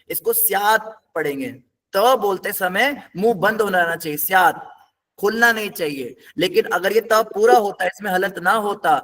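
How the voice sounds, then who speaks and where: A man with a high-pitched voice leads a scripture class. He breaks every word down step by step and stops often to quiz his students. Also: a bit bright. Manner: patient, step-by-step explaining, quizzes the class.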